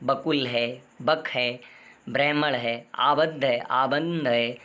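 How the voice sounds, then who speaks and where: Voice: medium pitch, steady tone, slow, sharp tone. A teacher explaining spelling and pronunciation, asking rhetorical questions and repeating the answers.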